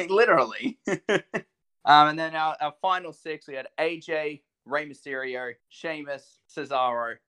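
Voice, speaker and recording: Man, excitable podcast co-host, fairly high voice, animated. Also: measured pace, smooth. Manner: excitable, animated, laughs often. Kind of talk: casual wrestling chat.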